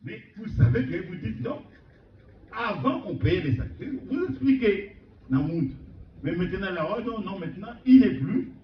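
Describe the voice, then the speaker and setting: A man preaching an informal sermon, animated and repeating words for emphasis. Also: sits high, normal speed, a little hiss or hum. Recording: echoey room, distant mic, dull sound.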